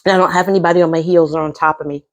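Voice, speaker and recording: Racing along in a steady tone, this middle-aged American mukbang host talks to her viewers in a fairly low voice over a meal. She keeps up casual conversation between bites, with little "mm"s as she savors the food.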